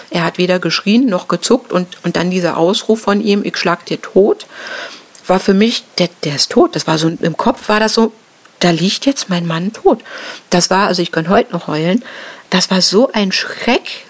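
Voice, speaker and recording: A middle-aged woman telling an interviewer about a violent attack on her husband, in a halting way with many fillers and restarts. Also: mid-range voice. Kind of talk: emotional personal account.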